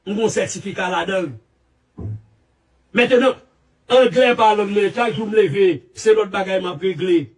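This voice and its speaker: A man with a Haitian Creole accent giving animated, repetitive, emphatic commentary. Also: sits high, normal speed, long pauses, recorded from a distance. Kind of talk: casual commentary.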